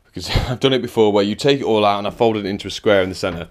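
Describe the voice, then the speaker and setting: This is casual vlog narration from an electrician rewiring a house, his lowish voice running very fast. He keeps up a chatty, dry explanation of the job while working indoors and occasionally gets out of breath.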